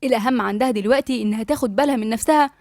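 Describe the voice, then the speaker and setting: A woman with an Egyptian accent narrating a novel in a steady, flowing storytelling manner. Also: fairly high pitch, rapid-fire, no room sound, clean studio sound.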